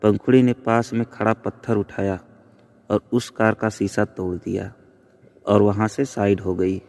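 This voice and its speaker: A man narrating a scripted story in a measured, plain storytelling manner. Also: on the low side, little pitch movement, creaky, a little mellow. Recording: long reverb.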